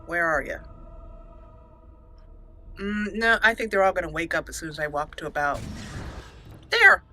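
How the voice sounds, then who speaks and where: A woman with a fairly low, pushed, bright voice hosts a let's play at a moderate pace. She chats casually and pokes fun at herself as she plays, giggling often, with faint game music in the background.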